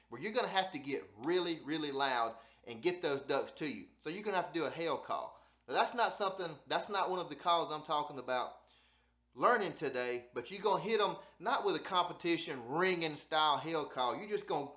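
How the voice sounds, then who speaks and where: Speaking in a fairly bright voice pitched on the high side, a man with a Southern Alabama accent hosts a duck hunting channel. His instruction is relaxed and folksy, with phrases repeated for emphasis, and the sound is roomy.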